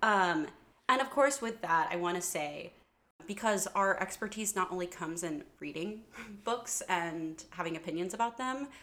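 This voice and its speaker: A woman's voice: on the low side, animated, normal speed, a bit bright. A young woman co-hosting a podcast in casual chat, bubbly and giggly, rambling with fillers. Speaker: podcast co-host; bookstore worker.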